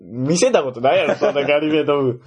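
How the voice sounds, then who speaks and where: A man's voice: a little high, fast, slightly rough. A young man with a Kansai accent, co-hosting a casual chat and reading listener mail aloud with frequent laughter. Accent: Kansai Japanese. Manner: reads listener messages aloud, laughs often, teasing.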